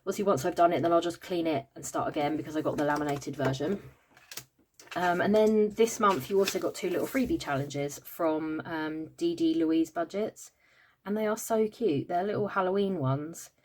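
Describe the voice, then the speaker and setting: A tired British woman chats through her savings in a relaxed vlog, counting coins and notes aloud with plenty of "um"s. Her voice sits fairly low. Faint clicking noise is heard behind her. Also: normal speed. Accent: British English. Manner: chatty, counting money aloud, with frequent "um" fillers. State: tired and yawning. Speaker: budgeting vlogger. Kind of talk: casual cash-stuffing vlog chat.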